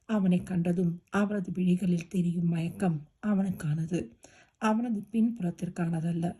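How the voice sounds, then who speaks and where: A woman narrates a romance novel in a steady, expressive storytelling voice. Her voice sits low and mellow, with a soft husky grain. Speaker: audiobook narrator.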